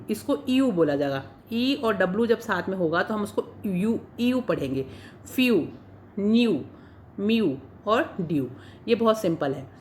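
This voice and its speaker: A woman's voice: medium pitch, a little hiss or hum. Patient woman teaching English pronunciation. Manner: patient, repeats each word then gives its meaning. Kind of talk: spoken English lesson for Hindi speakers.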